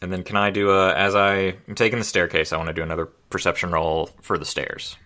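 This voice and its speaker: A man playing a tabletop game, chatting and joking with the table in an animated way. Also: low voice, quick pace. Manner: animated, joking, laughs often. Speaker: player. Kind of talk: casual tabletop game chat.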